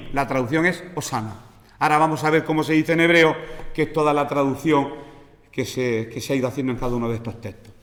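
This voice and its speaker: A man from Spain preaching a sermon in an animated teaching manner, acting out pleas in a raised voice. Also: a little high. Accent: Spanish from Spain. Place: church. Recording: echoey church hall.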